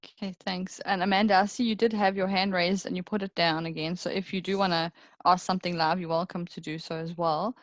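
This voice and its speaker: A woman moderating a webinar, reading out audience questions in a brisk, matter-of-fact way over a video call. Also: lowish voice, steady tone, no echo.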